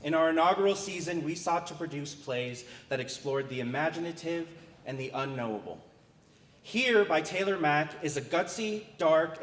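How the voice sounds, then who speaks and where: Man giving a scripted stage introduction. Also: a little high. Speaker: artistic director presenting. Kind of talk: prepared award-show introduction. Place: theater. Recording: echoey theater hall.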